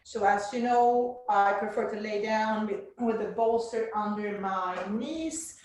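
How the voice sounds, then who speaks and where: A woman leading guided yoga and meditation in a gentle, soothing way, with spacious phrasing. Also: mid-range voice, measured pace, a little hiss or hum. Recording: roomy, echoing space.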